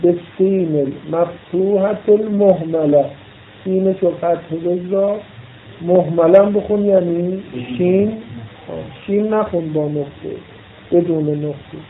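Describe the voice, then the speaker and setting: A man's voice: sits high, slight background noise. A man teaching a classical religious text, reading it aloud and explaining pronunciation letter by letter with repetition. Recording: tinny phone-like audio.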